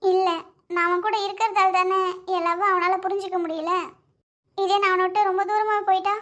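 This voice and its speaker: A woman's voice: extremely high pitch, fairly even intonation, brisk, a bit bright, dull audio. A woman voicing a lovesick, stubborn young woman in a cartoon, talking emotionally and pleading through tears. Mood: heartbroken.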